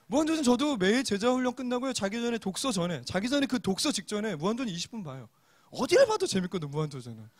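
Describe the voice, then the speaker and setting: High-pitched guy pastor preaching to young folks, super animated, jokey, acts out little scenes loud. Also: fast. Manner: lively, joking, acts out quotes with loud exclamations. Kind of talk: sermon to young adults.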